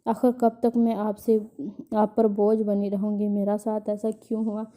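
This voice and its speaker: Read by a woman, a scared young storybook heroine pleads in distress. The voice is deep-toned and mellow and barely moves in pitch. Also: monotone, natural voice. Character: frightened young woman who lost her memory.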